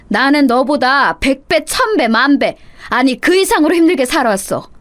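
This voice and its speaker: Shrill, bossy old mother-in-law, loud and cutting, read by a woman narrator. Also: expressive, normal speed. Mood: scornful. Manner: shrill, berating, sharp-tongued. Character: harsh scolding elderly mother-in-law. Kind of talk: dramatized story reading.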